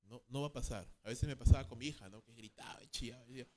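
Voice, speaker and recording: A man's voice: medium pitch, quick pace, dark tone, a little hiss or hum. A man teaching a Bible counseling class, tagging sentences with a questioning "no?", repeating key phrases and acting out quoted parents and children. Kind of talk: church class lecture.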